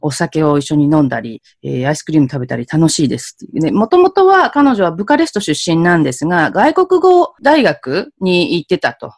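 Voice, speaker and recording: A woman from Japan hosts a podcast, laughing often during a friendly, casual interview chat. Her deep voice races along with few pauses, and her manner is animated and chatty. The recording is studio quality with no echo.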